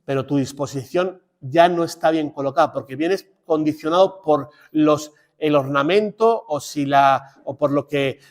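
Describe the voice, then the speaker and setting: Priest giving a chatty parish talk. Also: male voice, a little high, a little slow, hardly any pauses. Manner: conversational and digressive, with restarts and direct asides to listeners.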